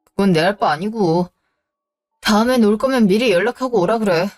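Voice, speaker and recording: A woman's voice: mid-range voice, brisk, a little mellow, faint music behind, close to an everyday voice. Woman voicing a blunt scornful husband. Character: irritable rude husband, middle-aged man. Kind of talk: scripted audio drama.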